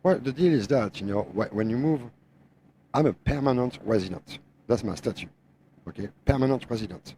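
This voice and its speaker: A man's voice: mid-range voice, animated, fairly quick, mellow, a little hiss or hum. A middle-aged man from France, a native French speaker with a French Tennessee accent, giving his opinions on a podcast in emphatic, repetitive, non-native English. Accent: French mixed with Tennessee. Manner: emphatic, repeats phrases, non-native grammar. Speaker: guest truck driver, owner operator.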